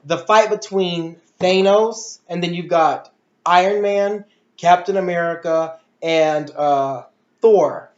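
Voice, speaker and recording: This high-voiced man talks slowly as he reviews movies, offering casual, opinionated commentary in a ranting, emphatic style full of rhetorical questions. The sound is muffled and echoey, captured in a room.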